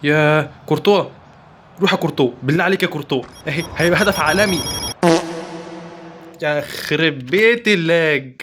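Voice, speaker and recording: A man with an Egyptian Arabic accent giving excitable commentary while playing a football video game, chanting player names in quick bursts. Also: a little high, background noise. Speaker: gaming YouTuber. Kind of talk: live gameplay commentary.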